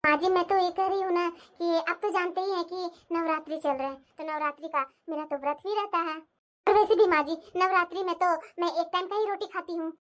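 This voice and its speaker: A woman's voice: very high voice, steady tone, a little fast. A woman voicing a young, clever daughter-in-law who mutters asides and speaks politely to her mother-in-law. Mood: coaxing. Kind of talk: cartoon voice acting.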